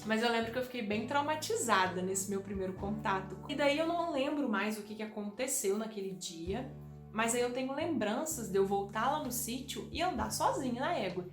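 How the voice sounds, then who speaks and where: A woman telling a childhood memory to her viewers in an animated way, often speaking to them directly. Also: fairly high pitch, brisk, music in the background. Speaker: vlogger. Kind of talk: personal storytelling. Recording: echoey room.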